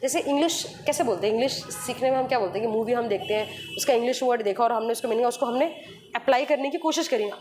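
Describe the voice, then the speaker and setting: A woman radio jockey with a slightly high voice talks a podcast host through her points step by step, mixing in English phrases. A faint hum of room noise sits behind her. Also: quick pace, a little mellow. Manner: explains patiently with examples, mixes in English phrases. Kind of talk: podcast interview conversation.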